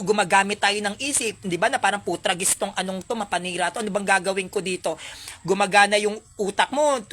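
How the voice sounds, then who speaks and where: A woman content creator talking straight to her followers in a casual, preachy monologue, animated and mocking, switching into English phrases. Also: mid-range voice. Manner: mixes English phrases into speech.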